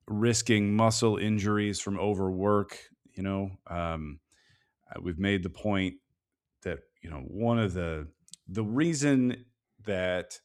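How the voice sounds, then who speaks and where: Deep-voiced man musing over soccer. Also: clear, resonant tone. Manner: measured, thinking aloud with many fillers. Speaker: podcast co-host. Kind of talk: casual sports podcast analysis.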